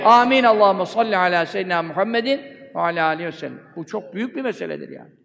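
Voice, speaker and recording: A man's voice: high voice, lively intonation, rapid-fire, creaky, a bit bright. A man preaching a sermon from a pulpit microphone, fervently asking rhetorical questions and answering them himself. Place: speaking from a pulpit. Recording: long hall reverb.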